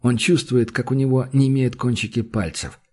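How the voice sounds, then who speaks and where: A man reading a literary novel aloud in a measured, intense manner. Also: mid-range voice, steady tone, a little mellow. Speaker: audiobook narrator. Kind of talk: scripted literary narration.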